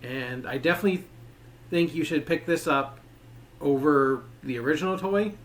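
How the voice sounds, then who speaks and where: A man's voice: a little high, moderate pace, a bit bright. A man giving a casual toy review, rambling and leaning on filler words.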